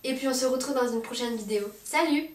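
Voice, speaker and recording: A woman's voice: high voice, fast. A woman vlogger chatting casually through a dog box unboxing, hesitant, with many fillers and restarts. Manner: speaks affectionately to her dog. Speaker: pet vlogger reviewing a dog subscription box. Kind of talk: casual unboxing chat to camera. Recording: roomy echo, mic at a distance, faint noise.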